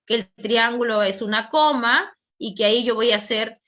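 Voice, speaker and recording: A woman from Peru explains classroom strategies in a Peruvian Spanish accent. Her voice is bright and slightly high. She talks in a loose, conversational way, pausing on fillers and tag questions. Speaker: teacher. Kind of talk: online teacher training talk.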